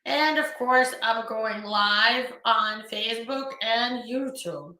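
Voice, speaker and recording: Speaking slowly in a slightly high, sharp voice, this immigration lawyer from Ukraine chats cheerfully with live stream viewers, calling them by name and using many fillers. She's in a home or office room in New York, and her phone picks up an echoey space.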